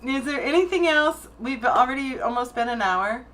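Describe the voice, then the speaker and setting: A woman's voice: sits high, lively intonation, normal speed, a bit bright, low-quality recording. A woman hosting a casual interview, chatting and asking follow-up questions. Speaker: host interviewer.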